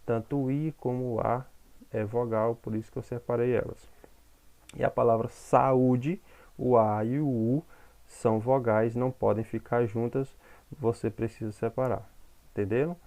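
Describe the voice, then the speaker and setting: A man's voice: mid-range voice, steady tone, normal speed, mellow. A man teaching a grammar lesson, explaining step by step and checking in with the class.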